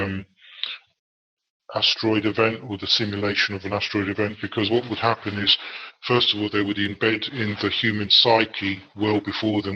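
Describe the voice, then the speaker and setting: A man from England answers in an interview with a low, flat voice that barely rises or falls. He is measured and hesitant, filling pauses as he goes. The audio is dull and lo-fi. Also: a little hiss or hum. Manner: measured, hesitant with frequent fillers. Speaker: guest researcher.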